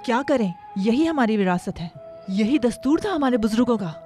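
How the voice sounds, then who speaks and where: A woman's voice: on the high side, animated, a little fast, dark tone, faint music behind, close to an everyday voice. An actress dubbing an anxious mother pleading with her son, in a dubbed film. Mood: worried. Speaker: worried mother. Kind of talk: Urdu dubbed film acting.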